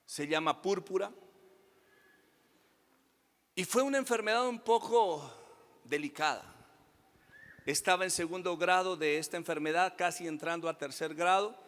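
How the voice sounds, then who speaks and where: A man's voice: high-pitched, moderate pace, pauses often, fairly bright tone, long reverb tail. A middle-aged male pastor preaching a sermon, leading the congregation in repeating phrases with sing-song emphasis.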